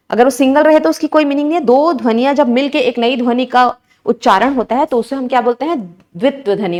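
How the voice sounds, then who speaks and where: A woman's voice: a little high, darkish tone. A woman teaching an exam-prep lesson, explaining each answer step by step and constantly asking her students questions.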